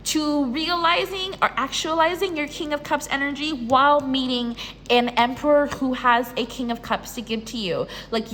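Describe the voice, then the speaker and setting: A woman doing a casual tarot reading in a bubbly, excitable, chatty way. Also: fairly high pitch, a little hiss or hum. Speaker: tarot reader. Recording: reverberant room with faint ambience.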